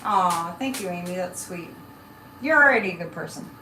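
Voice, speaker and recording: A woman's voice: lowish voice, expressive, normal speed, pushed and bright. A woman hosting a casual live psychic chat, rambling and breaking off mid-thought as she talks to viewers. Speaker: live show host and psychic. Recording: echoey room, distant mic, faint noise.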